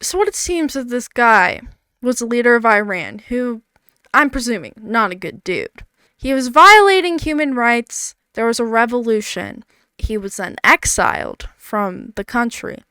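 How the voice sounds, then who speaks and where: A woman's voice: fairly high pitch, lively intonation, measured pace, sharp tone, clear, resonant tone, no echo, clean studio sound. A woman with a slight lisp giving casual, blunt commentary on an old comedy show, full of "like". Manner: chatty, blunt, peppered with "like".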